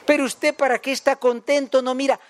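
A man's voice: high voice, animated, measured pace. A man with a Guatemalan accent voicing a bitter, sour-faced man who scolds and mocks a poor passer-by in a sermon story. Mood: scolding. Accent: Guatemalan Spanish. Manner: scolding, mocking.

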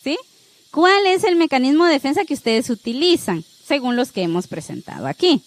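Teaching an online class, a woman with a high, sing-song voice speaks briskly and directly to her listeners, offering warm, coaching encouragement and repeatedly asking "¿sí?" to check in. The instructive talk ends on a spiritual note; the audio is poor and has no room sound.

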